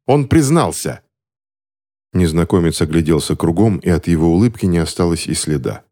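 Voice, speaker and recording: Deep-voiced man narrating a story. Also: fast talker, dark tone.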